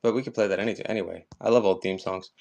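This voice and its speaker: A man's voice: low voice, fairly even intonation, quick pace, gravelly, a little mellow. Chatty man selling collectibles live. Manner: chatty, upbeat, talks to viewers by name. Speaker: live auction seller. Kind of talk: casual live-stream selling chat.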